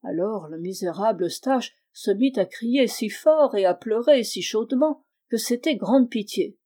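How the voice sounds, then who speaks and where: A woman narrating a classic tale as an audiobook, calm and measured. Her voice is mellow and warm. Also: a little high.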